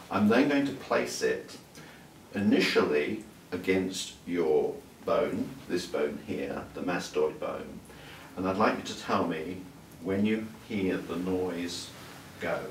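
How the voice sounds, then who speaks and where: An older male doctor with a deep voice explains patiently while demonstrating an exam in a clinic examination room, calm and explanatory with small restarts. This clinical teaching demonstration was captured on a far camera mic, so the sound is roomy and distant with faint room hiss.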